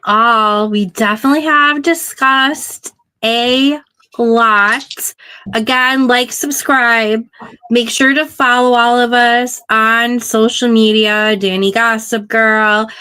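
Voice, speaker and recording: A woman's voice: a little high, steady tone, slow pace, bright, forceful tone, smooth. A woman hosting a casual chat show, chatty and leading the questions to her guests. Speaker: podcast host.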